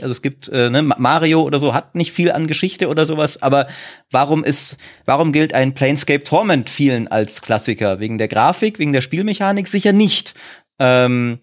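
A man's voice: a little high, expressive, a little fast. Man arguing animatedly. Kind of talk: podcast discussion.

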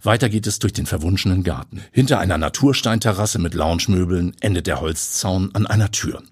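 A man reading a story aloud with vivid, expressive storytelling. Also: low-pitched, a little fast, slightly rough, dry recording, studio quality. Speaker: narrator.

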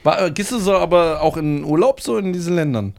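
A man hosting a podcast in casual chat who laughs easily and talks with an animated manner. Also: fairly high pitch, fairly quick, creaky. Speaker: podcast host.

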